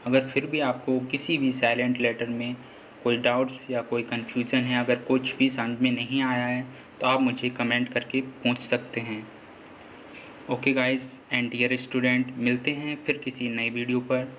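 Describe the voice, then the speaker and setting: A man teaching a lesson, slowly and patiently explaining rules and repeating them. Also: medium pitch, flat delivery, fairly bright tone, slight background noise. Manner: slow, repetitive, patient explaining. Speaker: English teacher.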